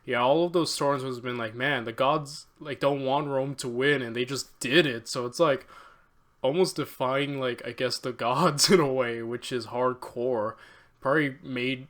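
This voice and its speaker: A man hosting a reaction video, chatting excitedly with many fillers and laughs. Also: mid-range voice, normal speed. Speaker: reaction channel host. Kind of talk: casual reaction commentary.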